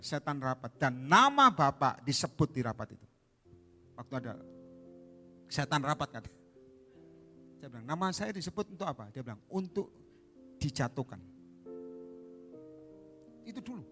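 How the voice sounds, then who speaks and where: Animated preacher man bright voice. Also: mid-range voice. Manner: animated storytelling with sudden shouts. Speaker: evangelist preacher. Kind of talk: sermon.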